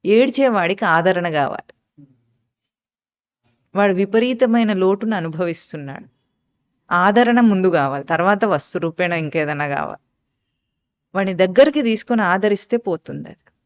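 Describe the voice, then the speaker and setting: Spiritual teacher, smooth resonant voice, questions and answers, on a dull lo-fi recording. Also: mid-range voice. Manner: asks rhetorical questions and answers them; quotes and explains Sanskrit terms. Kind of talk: live scripture discourse.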